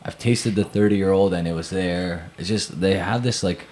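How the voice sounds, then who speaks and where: A man, speaking in a very deep, low register. He talks casually and bluntly, leaning hard on his opinions and stretching words for emphasis. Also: moderate pace, darkish tone, slight background noise. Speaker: podcast co-host. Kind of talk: casual chat.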